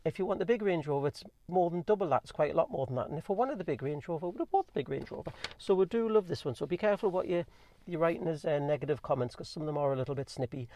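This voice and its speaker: A man with a Geordie accent rattling through a casual, rambling Q&A, talking fast with plenty of ums and restarts. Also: fairly high pitch, expressive, mellow. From North East England. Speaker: vlogger reviewing his car. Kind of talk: casual chatty Q&A.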